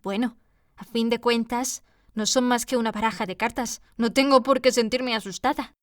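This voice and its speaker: A woman's voice: a little high, steady tone, normal speed, dry recording, close to an everyday voice. Young Alice read by a woman, courteous yet daring, speaks in a light, slightly raised voice. The storybook voice is close and dry with no room sound. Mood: bold. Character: polite but bold young girl Alice.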